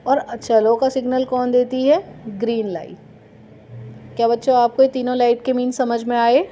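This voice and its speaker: Mellow-voiced woman teaching a class. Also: fairly high pitch, level tone, dull audio, slight background noise. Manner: explains slowly, asks and answers her own quiz questions. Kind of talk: classroom lesson.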